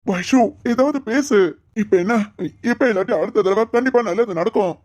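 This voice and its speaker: A woman's voice: medium pitch, normal speed, a little mellow, close to an everyday voice. A woman playing an anxious, doting young husband who fusses and teases in a village family drama. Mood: worried. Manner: fussy, coaxing and teasing.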